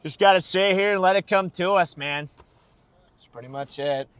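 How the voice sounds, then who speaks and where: Casual American male storm chaser on a livestream in a vehicle, voice on the higher side. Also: normal speed, fairly bright tone, clear, resonant tone. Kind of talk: casual livestream chat while storm chasing. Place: inside a vehicle.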